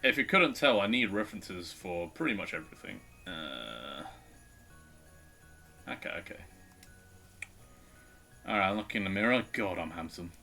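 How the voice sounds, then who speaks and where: Deep-voiced man chatting while drawing. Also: very animated, a little slow, creaky, long pauses, bright, forceful tone, faint music behind. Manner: self-deprecating, chatty, thinking aloud. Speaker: streamer. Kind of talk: casual live-stream commentary while drawing.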